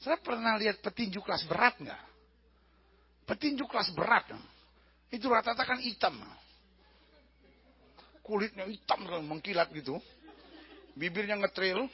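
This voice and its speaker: A man preaching a humorous sermon as pastor, telling lively stories and mimicking regional voices of the people in them. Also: sits high, moderate pace, pauses often. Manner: animated storytelling, mimics regional accents and characters. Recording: dull lo-fi sermon recording.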